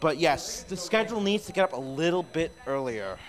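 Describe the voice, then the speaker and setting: Young male host, slightly high voice, rambling, casual recap chat. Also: expressive, fairly quick. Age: young adult. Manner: rambling, with fillers and restarts.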